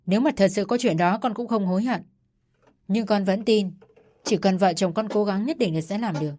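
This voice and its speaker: A woman's voice: mid-range voice, brisk, mellow, no echo, natural voice. A woman voicing a young husband who stands firmly by his wife. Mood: firm resolve.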